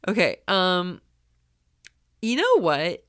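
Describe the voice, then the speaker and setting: A woman's voice: lowish voice, huge pitch swings, slow pace, no room sound, studio quality. A woman co-hosting a casual book chat, talking in a blunt, opinionated, sweary way. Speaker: co-host of a book discussion show.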